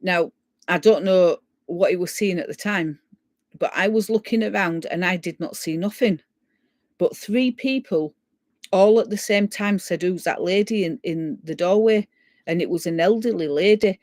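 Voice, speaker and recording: A woman tells a ghost story in a casual way, often clearing her throat and acting out the voices of the people she quotes. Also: lowish voice, moderate pace, darkish tone, dry recording. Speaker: guest storyteller.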